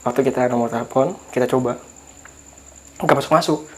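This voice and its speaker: A young man telling a personal story in a casual chat, animated and quick to laugh. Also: mid-range voice, slight background noise. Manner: fast, animated, laughs often and acts out voices. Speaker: guest storyteller.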